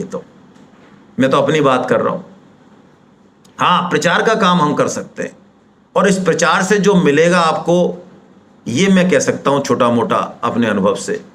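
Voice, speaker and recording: A man speaking at a devotional seminar, talking in a colloquial and persuasive way, firing rhetorical questions and addressing the audience directly. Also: medium pitch. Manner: animated, rhetorical questions, acts out quoted voices.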